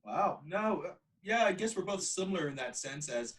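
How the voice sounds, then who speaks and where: A man's voice: high-pitched, expressive, moderate pace, a bit bright, distant mic. An American man interviewing someone in casual, conversational style. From United States.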